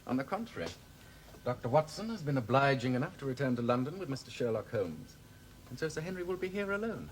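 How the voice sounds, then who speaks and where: A man playing a scheming, cold-blooded heir, talking with cold menace and sharp contempt in an old film drama. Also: mid-range voice, big pitch swings, quick pace, background noise, natural voice. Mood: taunting. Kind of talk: 1950s film drama acting.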